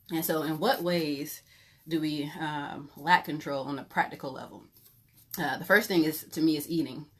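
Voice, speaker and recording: A woman pastor giving an informal Bible teaching, talking conversationally with many fillers and candid personal stories. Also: sits low. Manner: conversational, filler-heavy, candid and self-revealing.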